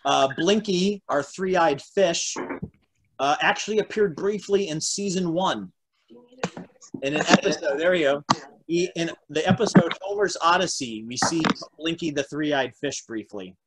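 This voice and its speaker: Speaking at a measured pace in a fairly high voice, a fortyish American host narrates a table read over video from his home, reading stage directions and trivia. The audio comes from a computer at arm's length on a noisy call full of clicks.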